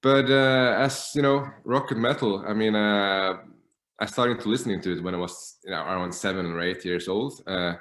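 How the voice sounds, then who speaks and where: A man's voice: lowish voice, moderate pace, a bit bright, reverberant. A man in his thirties from northern Norway, a native Norwegian speaker, talking casually as an interview guest with many hesitant fillers. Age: 30s. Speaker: guest guitarist.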